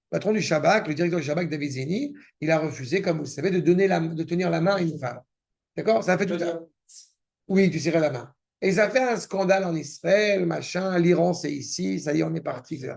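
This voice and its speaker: A man's voice: fairly high pitch, expressive, brisk, creaky, a little mellow. A man teaching a Torah class, reading verses and explaining them cynical asides. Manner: reads Hebrew text then explains it, with cynical asides. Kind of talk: Torah lesson with Hebrew quotes and commentary.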